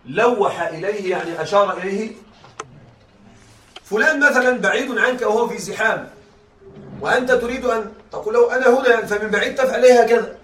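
A man's voice: high-pitched, fairly quick, pauses often, a bit bright, slight background noise. A man giving a classroom lecture on Arabic rhetoric, often asking rhetorical questions to check that his students follow. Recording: echoey room, voice from a distance.

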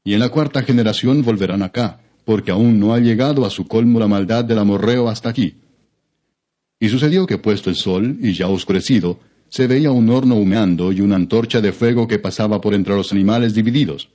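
A man narrates a scripture audiobook with a fairly low, soft-edged voice. His delivery is solemn, formal and measured. The recording is somewhat dull and lo-fi.

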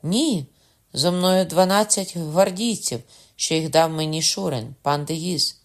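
A man doing an eager, high-pitched young countess. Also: steady tone, normal speed, vocal fry, a bit bright. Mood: excited. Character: excited young countess, breathless lady-in-waiting.

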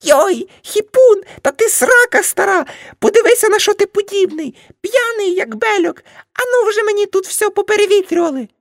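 A woman voicing an older aunt in an audiobook, shrieking and scandalized, with a very high, loud, scolding voice. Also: expressive, normal speed, no echo, clean studio sound. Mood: shrill scolding.

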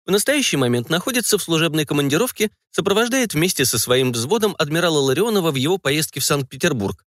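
A man voicing a confident young woman who speaks calmly and with dignity, in a dry recording. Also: fast talker, no room sound. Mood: dignified. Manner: calm, composed, slightly raised pitch.

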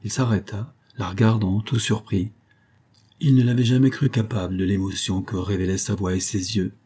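Male narrator for a classic novella, low, husky, even literary delivery. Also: normal speed. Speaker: audiobook reader.

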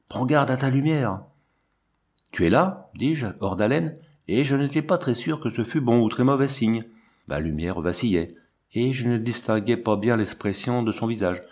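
A man reading a literary novel aloud as an audiobook narrator, in a calm, measured way. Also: fairly low pitch. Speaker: audiobook reader.

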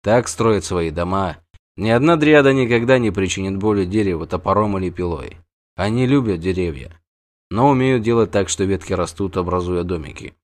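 A man voicing a calm, measured witcher in an audiobook reading, explaining quietly. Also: deep voice, pitched below the performer's own voice.

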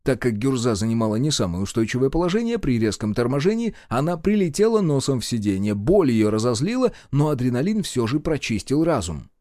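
A man narrating a first-person audiobook in a steady, measured and expressive way. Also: mid-range voice, no echo, clean studio sound.

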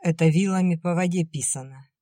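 A woman reading the part of a stern, sharp-tongued older sister who scolds and snaps. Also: fairly low pitch, fairly quick, no room sound, clean studio sound, close to an everyday voice. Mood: scolding. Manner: curt, scolding, irritable.

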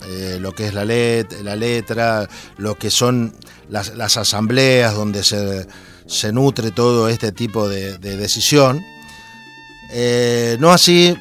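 A man from Argentina with an Argentine accent, hosting a radio talk show and speaking hesitantly with many fillers. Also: on the low side. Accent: Argentine Spanish.

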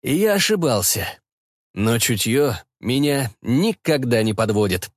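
Defensive, mumbling young detective read by a man in his own voice; lively delivery, dry close sound. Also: medium pitch, measured pace, no room sound. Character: flustered young male detective, evasive son.

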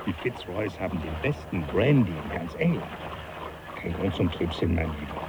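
An actor playing a jovial, teasing professor who laughs often, in a radio play. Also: male voice, sits low, sing-song, moderate pace, background noise. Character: jovial older male professor, mocking. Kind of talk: 1980s radio play acting.

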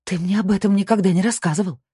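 A narrator voicing a frightened young woman held captive, who speaks tensely and accuses bluntly, with a husky tone in a dry recording. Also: medium pitch, fast, a little mellow, no echo, pitched above the performer's own voice.

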